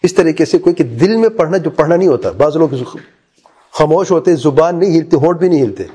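Male religious teacher, slightly high, mellow voice, patient explainer who quizzes the class. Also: husky. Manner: explanatory, poses questions to listeners; softly demonstrates quiet recitation. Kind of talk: Islamic jurisprudence lesson.

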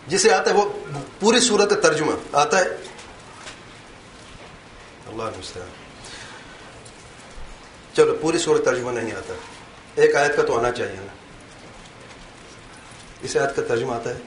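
A man's voice: on the high side, lively intonation, pauses often. A man giving an interactive religious talk, quizzing and teasing his audience. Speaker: Islamic lecturer. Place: lecture hall with a live audience. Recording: echoey hall with faint room noise.

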